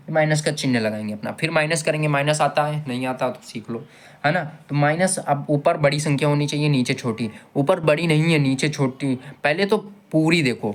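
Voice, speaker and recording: A man teaching a maths lesson step by step, patiently repeating each step and asking his students questions. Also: medium pitch. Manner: patient, repeats steps and asks the class questions.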